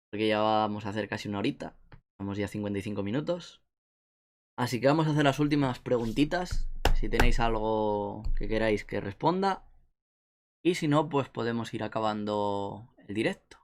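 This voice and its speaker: A young man from Spain with an Asturian accent, chatting casually on a live stream and reading chat messages aloud with a joking tone. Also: on the low side. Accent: Asturian Spanish.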